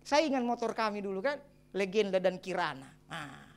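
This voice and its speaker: A middle-aged man, a pastor, preaching a sermon and telling his own story in a lively way with exclamations and chuckles. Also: high voice, moderate pace, creaky. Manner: addresses the congregation as brothers and sisters. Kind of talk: sermon with personal testimony.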